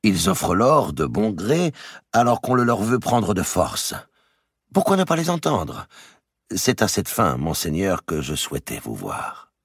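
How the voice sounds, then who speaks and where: Man voicing a shrewd middle-aged merchant, cold, measured, gravelly, husky. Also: low voice, dry recording, voice pushed up, full character voice. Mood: cold, calculating. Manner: measured, deliberate, calmly menacing. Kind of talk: audiobook character reading. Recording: dry close recording.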